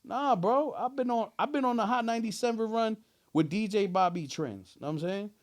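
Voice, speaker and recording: A man's voice: sits high, fairly quick. A man speaks with a New Jersey accent in a casual interview. He sounds like a rapper talking shop, heavy on street slang. His phrasing is emphatic, with repeated tags that check for agreement.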